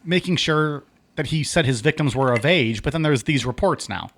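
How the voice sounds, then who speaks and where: A man makes wry, laid-back remarks in casual podcast chat. His voice sits fairly high, bright and lively. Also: normal speed. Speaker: podcast co-host. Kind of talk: casual banter.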